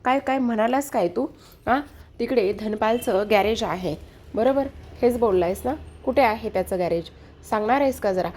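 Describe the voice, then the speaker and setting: A woman's voice: fairly high pitch, normal speed, a little mellow, slight background noise, close to an everyday voice. A woman voicing a hurt, angry young wife who keeps firing reproachful questions at a man in a TV serial recap. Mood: accusing.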